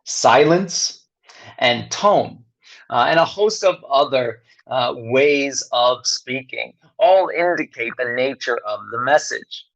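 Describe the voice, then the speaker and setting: A man giving a recorded lecture, speaking slowly with long pauses and frequent fillers. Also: medium pitch, lively intonation, creaky, a bit bright, low-quality recording. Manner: slow, pausing delivery with many fillers.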